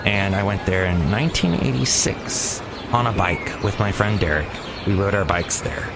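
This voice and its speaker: The podcast host speaks low and at an ordinary pace, sitting outdoors by a cafe amid traffic and city sounds. He wanders through opinionated takes on the news, stumbling over his words as he goes.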